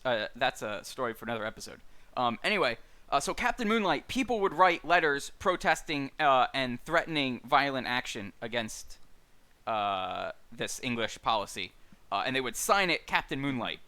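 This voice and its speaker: Lively, bright-voiced man reading names. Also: medium pitch. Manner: lively, halting with many fillers, dry asides. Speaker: book club host reading a poem. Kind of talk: casual chat, reading a list of names. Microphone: streaming mic.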